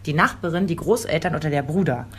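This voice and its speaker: A woman in her thirties chatting casually as a mother, telling lively stories and acting out quotes. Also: low-pitched, fast talker, slightly rough. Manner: lively storytelling, acts out quotes. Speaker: podcast co-host, mother. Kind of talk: casual chat.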